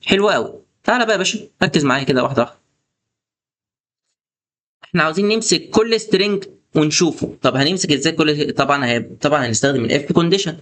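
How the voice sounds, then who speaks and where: With an animated, fast delivery and a fairly high, fairly bright voice, a young Egyptian Arabic-accented programming instructor records a coding lesson on screen. He keeps things chatty and coaxing, turning often to the viewer with "boss" and "star."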